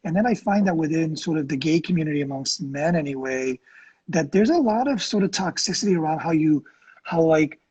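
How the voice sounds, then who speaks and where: A middle-aged man co-hosting a casual conversation, chatty, expressive and self-deprecating. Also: on the high side, brisk, slightly rough, lo-fi sound. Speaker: co-host.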